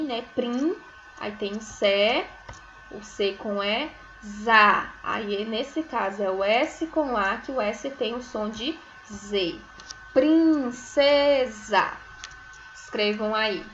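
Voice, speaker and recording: A woman teaching a recorded first-grade phonics lesson, sounding out syllables slowly and often checking in with tags. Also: fairly high pitch, dull audio, a little hiss or hum. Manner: slow, drawn-out syllables, sounding words out; frequent checking tags like "né?" and "certo?". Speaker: primary school teacher.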